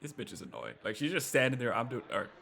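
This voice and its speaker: A man's voice: mid-range voice, huge pitch swings, fast talker, creaky, bright, forceful tone, slight background noise. A man streaming a game playthrough, chatting casually, swearing and joking as he reacts to the story. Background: game music.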